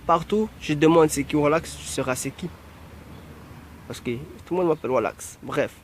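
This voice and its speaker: A man's voice: fairly high pitch, normal speed, slight background noise. Rambling young man preaching to his followers. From Marseille. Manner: rambling, preachy, repeats "tu vois" and "bref". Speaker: music producer addressing his followers. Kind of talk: casual direct-to-camera message.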